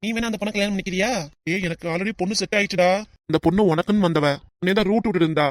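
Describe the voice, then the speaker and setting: Cartoon: a voice actor as a loud, joshing young pal, southern Tamil Nadu accent, brisk and dry. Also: mid-range voice, fairly even intonation, dry recording, lightly acted. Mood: teasing. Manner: boisterous, mocking. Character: loud teasing young male buddy. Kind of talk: cartoon voice acting.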